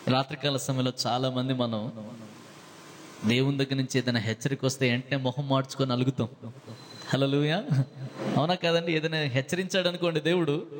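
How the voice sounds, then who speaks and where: A man preaching a sermon as a pastor, swinging between hushed, low lines and loud, high-pitched bursts, with a few English phrases mixed in. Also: fairly even intonation, brisk, long pauses, in a large hall, a little hiss or hum.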